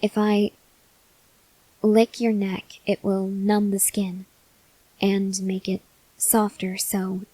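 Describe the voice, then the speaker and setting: This is an acted ASMR monologue: a woman voices a starving female vampire researcher, weary and earnest, who gently pleads with the listener. Speaking at a medium pitch, she is soft and slow, breaking into long pauses and frequent whispers, playing someone weak and faint from hunger in a gentle, apologetic way. The audio is poor, though there's no echo.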